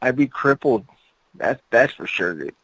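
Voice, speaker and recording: A man's voice: medium pitch, very animated, a little slow, a bit bright, rough recording. A man co-hosting a casual horror podcast, teasing his friends and saying dude constantly. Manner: teasing, says dude a lot. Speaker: podcast co-host.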